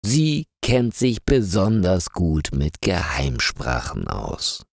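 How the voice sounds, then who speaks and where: A man reads a scripted story aloud for language learners, going slowly and articulating carefully with lively intonation. His voice sits low and has vocal fry.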